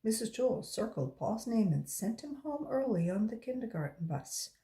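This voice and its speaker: Reading a story to children, this volunteer brings the characters' lines to life with emphatic, expressive delivery. She speaks at a moderate pace with a fairly high pitch.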